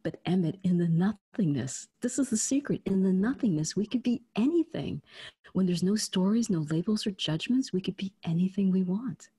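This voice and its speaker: In a studio set against a plain grey backdrop, a Trinidadian woman in her fifties appears as an author guest in an interview conversation. She tells her story earnestly and reflectively in a mid-range, mellow, slightly rough voice with lively intonation and a moderate pace. The recording has no echo.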